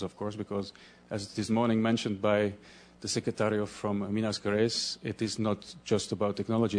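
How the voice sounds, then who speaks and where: Frequently stopping and starting over as he looks for words, a Belgian man whose language is Dutch gives a conference talk. His voice sits in the mid range and has a darkish tone.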